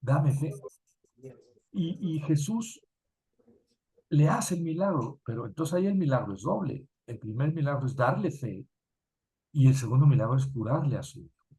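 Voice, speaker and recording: A man's voice: a little high, lively intonation, normal speed, mellow, slightly rough. A man giving an informal lecture on scripture, talking conversationally with many fillers and self-corrections. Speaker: Bible lecturer.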